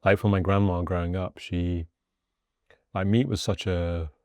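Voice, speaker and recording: A male podcast host chats casually and easily with his guest, relaxed and scattering "like" through nearly every sentence. His voice is low-pitched and measured, with no room sound.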